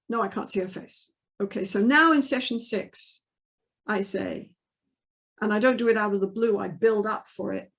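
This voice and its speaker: Woman therapist teaching with a case story. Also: mid-range voice. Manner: softens to a hushed voice when quoting the session. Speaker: therapist and trainer. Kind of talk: teaching talk with case example.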